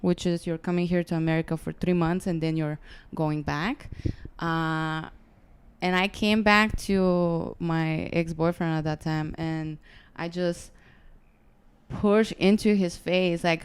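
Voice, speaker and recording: A woman's voice: lowish voice, clear, resonant tone. A woman in her twenties from Bulgaria, speaking with a Bulgarian accent as a podcast guest, telling stories casually and informally, acting out the dialogue and swearing freely. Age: 20s. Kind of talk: casual conversational storytelling.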